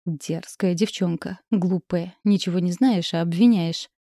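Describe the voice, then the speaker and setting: A woman's voice: on the low side, fairly even intonation, measured pace, mellow, no echo, studio quality. A woman reading the part of a cold, domineering old grandmother in an audiobook, speaking curtly. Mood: scornful. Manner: curt, domineering. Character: stern cold old grandmother, ruling matriarch.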